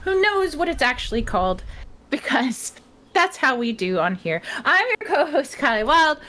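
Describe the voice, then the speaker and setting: An American woman co-hosting a podcast in casual chat, chatty and quick to laugh. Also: sits high, sing-song, bright, forceful tone. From United States. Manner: giggly and chatty, laughs often. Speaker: podcast co-host.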